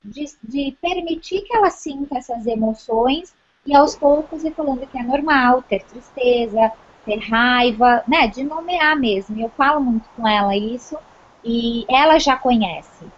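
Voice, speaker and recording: A woman's voice: fairly high pitch, unhurried. A young pregnant Brazilian woman with a Brazilian Portuguese accent, chatting on a parenting panel in a personal, talkative way full of tag questions. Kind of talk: casual panel chat. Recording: muffled, slightly noisy recording.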